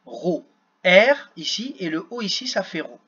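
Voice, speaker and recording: A man's voice: high-pitched, very animated, measured pace, pushed and bright, breathy edge, lo-fi sound. A man teaching young children at a computer, sounding out words syllable by syllable. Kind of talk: screen-recorded lesson for children.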